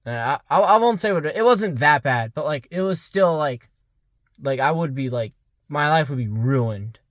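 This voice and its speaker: A man's voice: a little high, expressive, normal speed, no room sound, clean studio sound. A young man of about twenty musing aloud in a rambling vlog monologue, full of "like" fillers. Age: around 20. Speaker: vlogger. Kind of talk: casual reflective monologue.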